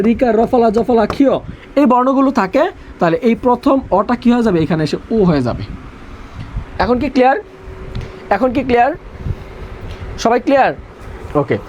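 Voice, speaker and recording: A man's voice: very high voice, darkish tone, slight background noise. A young man teaching an online revision class, repeating rules and quizzing his students.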